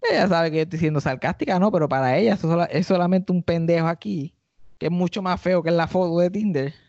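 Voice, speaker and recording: A quick-talking man with a Puerto Rican accent, who hosts a podcast and does stand-up, relates a story casually and for laughs. He's lively, doing high voices for the people he quotes, and the podcast audio is dry and slightly dull, with no room sound.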